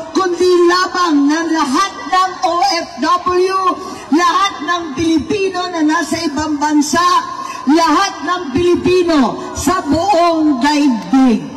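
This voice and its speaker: A man addressing a rally, shouting slogans and speeches to a crowd. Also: extremely high pitch. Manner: shouting slow chant-like slogans. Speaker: rally speaker. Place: outdoor rally. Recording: distant mic, loud crowd.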